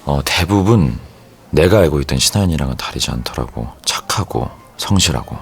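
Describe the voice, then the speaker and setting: An actor playing a cool, composed young executive in a romance audio drama, a wry and possessive boyfriend who talks in a terse, understated, teasing way. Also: male voice, very deep voice, expressive, fairly quick, gravelly, heavily acted. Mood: softly teasing. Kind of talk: romance audio drama acting with inner monologue.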